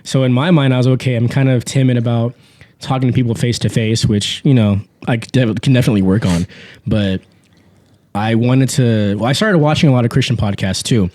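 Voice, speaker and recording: Heard with no room sound, this man's mid-range voice runs a little fast. He's a twentysomething co-host of a laid-back faith podcast, chatting casually from a small home studio on a podcast mic, loose and quick to laugh, with plenty of fillers and restarts.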